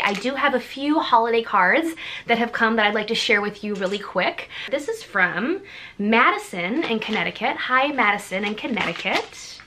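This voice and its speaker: A woman vlogger, excitedly opening fan mail and gushing over each gift in a casual chat. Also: on the high side, slight background noise.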